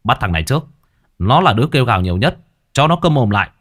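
A man voicing a brutal, hot-tempered torturer who snarls and shouts his threats. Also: medium pitch, sing-song, fast. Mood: savage.

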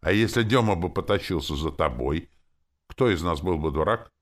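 A man's voice: low-pitched, lively intonation, moderate pace. A man reading an audiobook, voicing an emotional teenage girl who pleads and accuses sharply. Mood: angry. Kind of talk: audiobook character voice.

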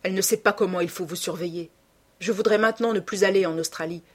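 A woman voicing Jim, a brooding, jealous teenage boy, speaking in a low, grim, clipped way. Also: quick pace, natural voice.

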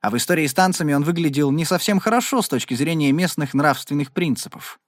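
Expressive male narrator, animated reading, dry booth. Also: fairly high pitch, fast talker, dry recording. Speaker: audiobook narrator. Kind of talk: scripted narration of a Western.

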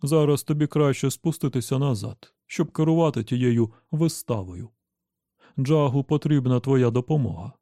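A man voicing a jovial, smooth-talking middle-aged bishop with a hearty, preacherly manner. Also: medium pitch, normal speed, dark tone, dry recording, clean studio sound, close to an everyday voice.

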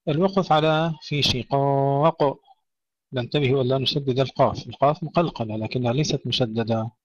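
A man teaching tajweed, explaining pronunciation errors and reciting each example slowly and drawn out. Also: medium pitch, breathy edge, no room sound, dull audio.

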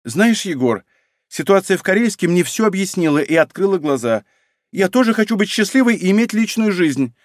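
A man reading an audiobook, voicing a frightened, shrill wife with a high, ringing voice. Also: lively intonation, fairly quick, no room sound, studio quality, close to an everyday voice. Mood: defiant. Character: frightened shrill wife, middle-aged woman.

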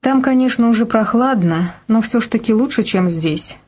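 A woman's voice: a little high, expressive, normal speed, a little mellow, pitched above the performer's own voice. A woman voicing a sad, wealthy middle-aged wife who sighs and laments her lost standing. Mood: plaintive. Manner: sighing, plaintive, lamenting.

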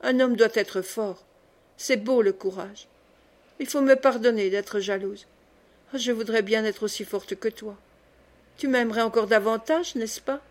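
A woman reading the part of a naive young girl in love, pleading and lively by turns, in an audiobook. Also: a little high, measured pace, lightly acted. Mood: playful.

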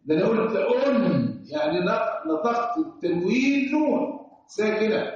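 A man's voice: high voice, big pitch swings, normal speed. A man with an Egyptian accent teaching Quran recitation rules to a class, asking questions and chanting examples. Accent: Egyptian Arabic. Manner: sing-song explaining, asks class questions. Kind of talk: classroom lecture. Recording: echoey room, distant dull mic.

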